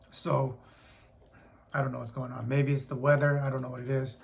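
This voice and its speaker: A hoarse man who keeps clearing his throat, chatting casually and rambling as a comic book vlogger. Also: medium pitch, little pitch movement, measured pace, slight background noise. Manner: rambling, repeats and restarts words. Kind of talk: casual vlog chat.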